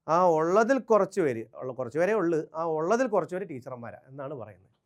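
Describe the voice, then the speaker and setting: A man from Kerala teaching a quick exam revision lesson, firing rhetorical questions, answering them himself and repeating key phrases for emphasis. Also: a little high, big pitch swings.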